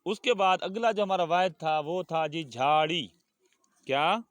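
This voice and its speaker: A male Urdu teacher with a Pakistani accent leads a children's lesson at an unhurried pace. He repeats each word and sentence patiently so his pupils can echo it back. The sound is dry and close to the mic. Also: fairly high pitch. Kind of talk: classroom lesson with call-and-response drills.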